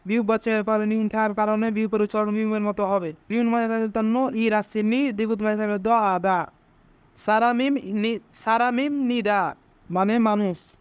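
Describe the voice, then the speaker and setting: This language teacher's voice sits high, with fairly even intonation and a normal speed, and the recording is smooth and dry. He walks through pronunciation step by step in a slow lesson, breaking each word into single sounds and repeating them.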